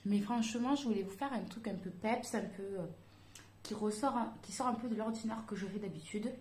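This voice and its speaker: A woman's voice: fairly high pitch, brisk, darkish tone, a little hiss or hum. A woman chatting casually through a makeup tutorial, hesitant and full of fillers as she talks to her viewers. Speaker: beauty vlogger. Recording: echoey room.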